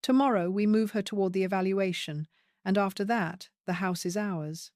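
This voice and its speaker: A woman voicing a greedy adult son who speaks low, smug and slow. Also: darkish tone, dry recording, studio quality, lightly acted.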